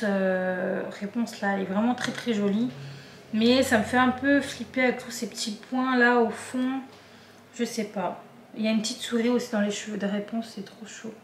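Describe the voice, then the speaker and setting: A woman with a regional French accent chats to her viewers, her voice sitting a little high. She hesitates often, filling gaps and restarting sentences. The room gives back a clear echo, with a faint noise underneath. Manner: hesitant, many fillers and restarts. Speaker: diamond painting vlogger. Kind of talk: casual chat to viewers.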